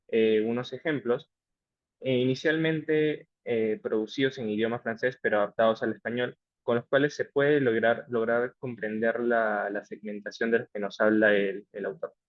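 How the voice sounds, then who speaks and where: A man's voice: mid-range voice, dry recording, muffled recording. A young man presenting a class summary for his group, hesitant, with frequent fillers and restarts. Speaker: student presenter.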